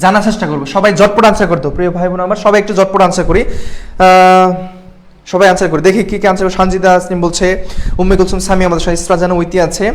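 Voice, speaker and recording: This admission exam tutor, a young man from Bangladesh, speaks in a high, steady voice during a live online lesson. His pace is quick, and he keeps questioning students and checking in with them.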